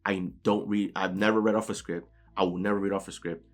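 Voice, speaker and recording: His delivery is flat and a little fast: a young, New York-accented motivational YouTuber speaking unscripted from his bedroom. Casual in tone, he regularly says "right?" and stutters at times, with low background music.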